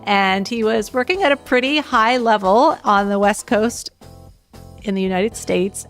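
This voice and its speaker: Chatty woman hosting a podcast. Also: on the high side. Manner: chatty, restarts often. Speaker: podcast host. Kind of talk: casual interview chat.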